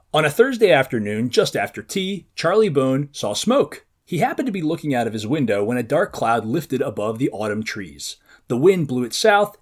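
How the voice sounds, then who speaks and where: Hosting a children's book preview show, a man with a medium-pitched voice reads aloud expressively for young readers, drawing out words for dramatic emphasis.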